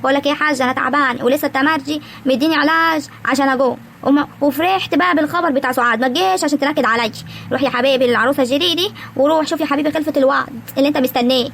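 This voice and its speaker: A woman's voice: high-pitched, gravelly, fairly bright tone, a little hiss or hum. A woman playing an older scolding village wife. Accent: Egyptian rural. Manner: scolding, quick, indignant.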